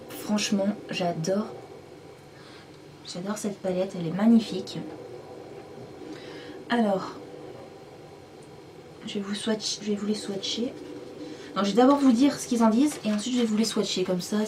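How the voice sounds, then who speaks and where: A woman's voice: medium pitch, moderate pace, pauses often, noisy background. A woman vlogger chatting casually as she reviews and swatches makeup at home, in a rambling, self-deprecating way. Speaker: beauty vlogger. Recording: voice a bit far from the mic.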